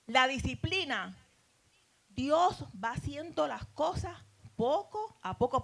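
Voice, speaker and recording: A woman's voice: high voice, creaky. A middle-aged woman teaching a Bible class in a preacherly way, addressing listeners as beloved and asking them rhetorical questions.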